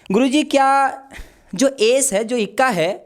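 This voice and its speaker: A man's voice: extremely high pitch, unhurried. A man voicing a cheeky, curious schoolboy who asks his teacher naive questions. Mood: puzzled.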